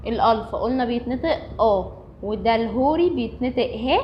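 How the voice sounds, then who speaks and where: A woman's voice: fairly high pitch, slight background noise. A woman with an Egyptian Arabic accent, teaching a recorded language lesson and patiently repeating each point step by step. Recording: dull lo-fi recording.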